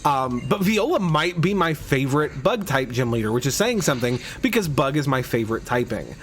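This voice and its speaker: A man with a medium-pitched, sing-song voice talks a little fast, with slight hiss or hum in the recording. He hosts a game playthrough podcast, rambling through his moves in casual let's play commentary and restarting often.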